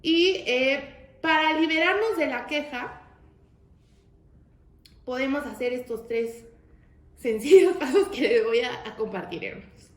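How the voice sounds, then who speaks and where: A woman leads a religious study session, and her voice sits high. She talks to the group as brothers and keeps it casual, peppering her teaching with rhetorical questions. The sound is roomy, with a clear echo off the walls. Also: animated, measured pace, pauses often. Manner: addresses listeners as brothers, asks frequent rhetorical questions. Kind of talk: conversational religious lesson.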